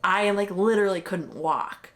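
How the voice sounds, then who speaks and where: A woman's voice: medium pitch, normal speed, a bit bright. A young woman vlogger telling her own marathon story in a candid, chatty way, full of fillers and mild swearing. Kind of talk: casual chat.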